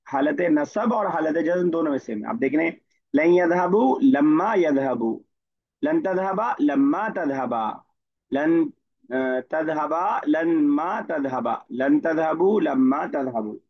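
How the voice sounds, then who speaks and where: Man, Arabic teacher, online class, gravelly, husky, dull lo-fi audio. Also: on the high side. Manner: explains patiently, quizzes students by name.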